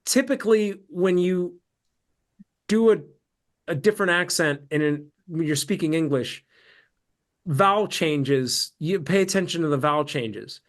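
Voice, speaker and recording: A man's voice: a little high, a little slow. An American man, an actor, chatting casually about films over a video call, rambling with lots of fillers and restarts. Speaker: actor and guest. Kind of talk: casual film discussion.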